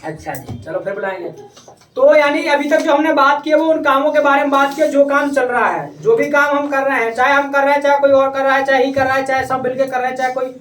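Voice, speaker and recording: A man's voice: very high voice, fast, a bit bright. A man teaching a classroom English lesson, coaxing his pupils and repeating his questions. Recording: echoey room, distant mic, faint noise.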